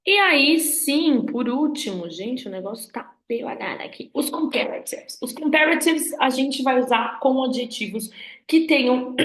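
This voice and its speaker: A woman's voice: sits high, fairly bright tone. A woman teacher with a Brazilian accent, patiently explaining a review lesson step by step in a chatty way. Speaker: English teacher. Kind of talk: recorded review lesson for students. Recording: roomy echo.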